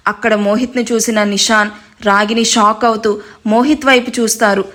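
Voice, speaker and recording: Brief: woman storyteller, scripted dramatic narration, voice pitched high. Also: normal speed. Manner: steady dramatic reading, playful asides.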